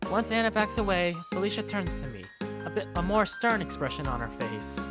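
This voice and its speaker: A performer voices an awkward, easily flustered male student, the narrator and main character of a visual novel, recounting his school day in a hesitant, wry first-person inner monologue. The medium-pitched delivery is sing-song, fairly quick and lightly acted, with a wry, uneasy mood and loud music behind it. This is first-person visual novel narration and dialogue.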